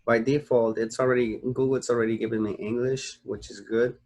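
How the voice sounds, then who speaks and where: This online marketing tutor is a young man from the US, sounding sleepy as he walks through a screen recording. His medium-pitched voice is fairly even, a little fast and slightly mellow. Fillers and restarts pile up, punctuated by "okay?"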